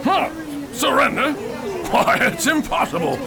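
Woman playing a creaky, fussy city gatekeeper. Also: high-pitched, very animated, a little slow, full character voice. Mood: dismissive. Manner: fussy, exclamatory. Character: flustered, dismissive old-fashioned city gate keeper. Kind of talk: theatrical audio drama acting. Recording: crowd noise behind the voice.

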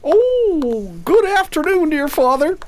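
A woman's voice: very high voice, big pitch swings, takes it slowly, full character voice. A woman playing a naive, polite pumpkin-headed man in an audio drama. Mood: naive, friendly. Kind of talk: theatrical audio drama acting.

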